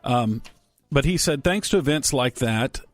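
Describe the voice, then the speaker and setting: A man's voice: medium pitch, lively intonation, measured pace, no echo. A man hosting a casual radio talk show, rambling and joking as he reads listener emails and banters with his co-hosts. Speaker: radio host. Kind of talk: casual sports radio chat.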